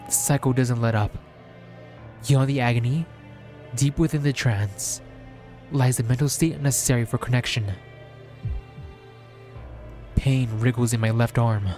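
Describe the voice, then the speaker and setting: Over background music, a man reads a visual novel aloud as dramatic first-person narration. He sounds measured and solemn, delivering short, deliberate phrases in a medium-pitched, darkish voice.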